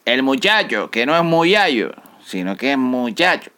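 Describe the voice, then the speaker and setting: A man from the Canary Islands with a Canarian Spanish accent, casually explaining local slang words as a podcast host, now and then dropping into quiet, near-whispered asides. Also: mid-range voice, measured pace. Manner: lively, drops often into near-whispered asides.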